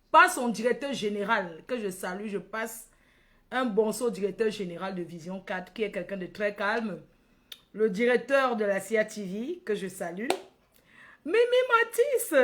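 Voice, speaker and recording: On her casual livestream, the host, a woman from Cameroon, addresses her followers by name, says phrases more than once and ends lines with questions, all in a Cameroonian accent. She has a somewhat high, slightly bright voice.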